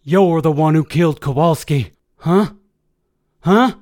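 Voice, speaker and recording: A man's voice: a little high, slow pace, no echo, clean studio sound, pitched above the performer's own voice. A man voicing an enraged army sergeant who screams accusations. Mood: furious. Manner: shouting, accusing.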